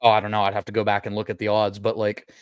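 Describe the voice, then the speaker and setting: A man's voice: on the low side, completely flat delivery, racing, smooth, dry recording. A man co-hosting a casual sports chat over an online call, laughing often and rambling, his audio cutting out in dropouts. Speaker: podcast co-host. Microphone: own mic over an online call.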